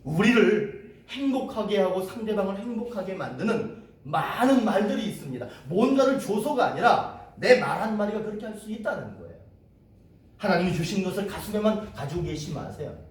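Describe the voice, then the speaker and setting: A man preaching a sermon in a church sanctuary, with a pitch a little higher than most men. He tells stories in a chatty way and keeps asking the congregation rhetorical questions. The sound comes from a distance, with heavy hall echo and faint hiss. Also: lively intonation, brisk. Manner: storytelling, conversational, rhetorical questions. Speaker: pastor.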